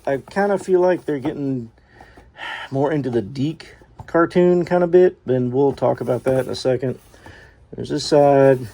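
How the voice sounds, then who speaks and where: A man's voice: mid-range voice, vocal fry, dark tone. A man hosting his own toy review show, talking through an unboxing in a rambling, chatty way, often correcting himself with a chuckle. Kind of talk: casual unboxing chat.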